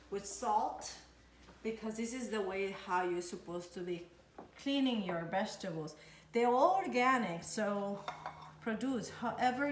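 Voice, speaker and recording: A woman's voice: on the high side, a little hiss or hum. A woman from Ecuador, a nutritionist giving a chatty cooking demonstration in her home kitchen and searching for words as she goes. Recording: echoey kitchen with dish clatter.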